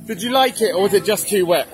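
A middle-aged man hosting a casual vlog at an outdoor theme park, playfully teasing and quizzing the kids about the rides. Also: sits high. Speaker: vlog host and father.

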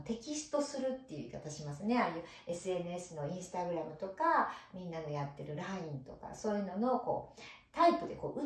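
A woman teaching English, patiently explaining pronunciation and demonstrating each sound aloud for her students. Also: medium pitch. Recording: echoey room, distant mic.

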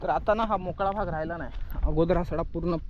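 A young man, vlogging in casual chat outdoors on a rural plateau, addressing viewers directly and often dropping to a soft murmur. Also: on the high side, fast talker. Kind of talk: casual outdoor vlog narration. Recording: dull, muffled outdoor audio with faint nature noise.

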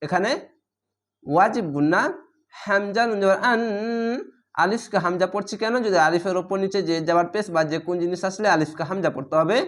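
Man patiently spelling out recitation. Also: sits high. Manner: spells each word letter by letter, then recites it slowly and drawn out; states reading rules briskly and repeats them. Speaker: Quran reading teacher.

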